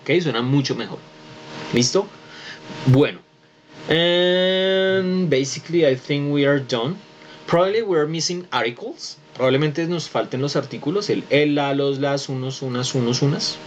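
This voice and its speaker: A man's voice: medium pitch, moderate pace, highs cut off, a little hiss or hum. A man teaching English pronunciation in an online class, patiently explaining and checking in with students. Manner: switches between Spanish and English, patient explaining with frequent "¿listo?". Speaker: English tutor. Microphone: computer mic on a video call.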